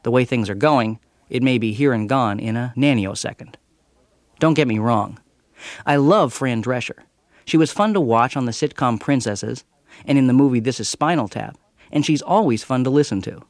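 A man's voice: mid-range voice, normal speed, no echo. Man, American accent, TV critic, wry scripted radio review, very dry close recording.

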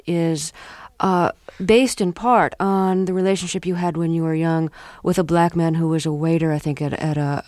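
A woman interviewer asking measured questions, phrasing them carefully and a little hesitantly. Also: fairly low pitch, warm tone, dry recording, studio quality.

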